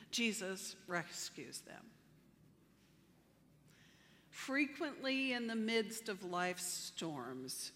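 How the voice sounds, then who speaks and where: Slow, bright-voiced woman preaching. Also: on the low side, in a large hall, slight background noise. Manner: measured, emphatic preaching with slow deliberate phrasing. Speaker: pastor. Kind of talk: sermon.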